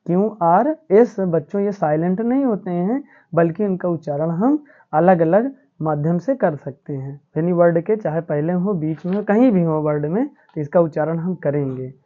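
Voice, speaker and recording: A woman's voice: lowish voice, normal speed. A woman teacher explaining English spelling rules to students in a patient, repetitive classroom manner. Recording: tinny phone-like audio.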